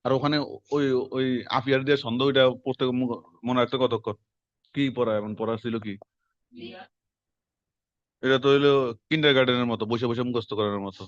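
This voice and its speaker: Fast-talking male teacher quizzing students. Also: medium pitch, fairly even intonation, no echo. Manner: quick, conversational, quizzing students. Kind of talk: classroom lecture. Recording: dull lo-fi classroom recording.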